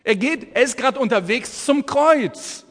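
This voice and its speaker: A man in his forties, an evangelist, preaching a sermon with fervent, excitable Bible storytelling in a church hall. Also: extremely high pitch, measured pace. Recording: echoey hall reverb.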